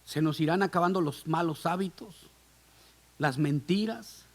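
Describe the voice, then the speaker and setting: A man's voice: fairly high pitch, a little slow. A man preaching a sermon as a guest pastor in a church, speaking with passion and calling his listeners brothers. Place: church hall.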